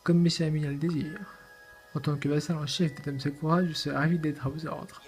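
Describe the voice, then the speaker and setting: A gamer reading as a proud young knight retainer. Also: male voice, a little high, flat delivery, brisk, a little mellow, soft background music, lightly acted. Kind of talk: reading game dialogue aloud.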